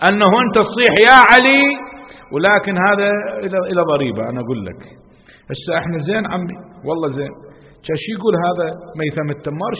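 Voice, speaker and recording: A man with an Iraqi Arabic accent preaching an impassioned religious sermon. He keeps asking his listeners questions and swings between loud and soft. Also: high-pitched, lo-fi sound. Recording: long hall reverb.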